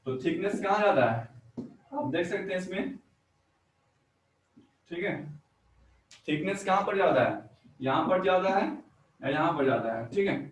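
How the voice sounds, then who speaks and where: Male teacher, fairly high voice, roomy echo, set back from the mic. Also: expressive, normal speed, pauses often. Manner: repeats "ठीक है", asks students questions. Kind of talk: online class lesson. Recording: echoey room, far from mic.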